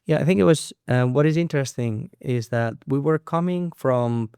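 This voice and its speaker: A co-founder and CEO co-hosts a podcast, chatting casually with lots of fillers and restarts. His medium-pitched voice moves at normal speed and is darkish, clear, and resonant. The sound is clean studio audio with no room sound.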